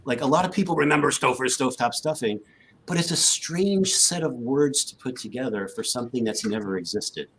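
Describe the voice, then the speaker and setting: A man's voice: medium pitch, fairly quick, a bit bright, slight background noise, low-quality recording. Easygoing male live-stream host. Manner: loose and conversational, full of "like". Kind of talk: casual live-stream talk.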